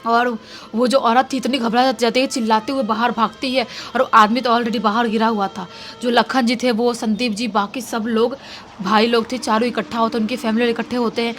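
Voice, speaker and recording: A woman's voice: a little high, flat delivery, normal speed, a little hiss or hum. A woman narrating a horror story in a casual, conversational way, repeating lines for emphasis.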